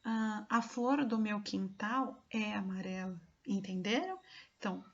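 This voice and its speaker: Woman, Brazilian Portuguese accent, primary teacher, patient explaining, many check-ins, mid-pitched, slightly muffled recording. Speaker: schoolteacher. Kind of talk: remote lesson walkthrough for young pupils.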